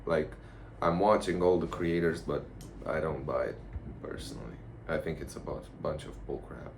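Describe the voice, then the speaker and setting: A man giving a casual, rambling vlog monologue in a blunt, profane, halting way. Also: extremely low pitch, vocal fry. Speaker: vlogger. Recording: noticeable background noise.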